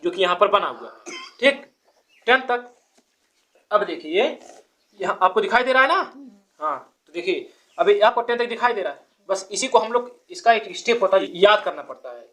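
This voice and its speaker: A woman's voice: medium pitch, lively intonation, moderate pace, pauses often, a bit bright. A woman teaching a child to count, patiently asking quiz questions and counting numbers aloud step by step.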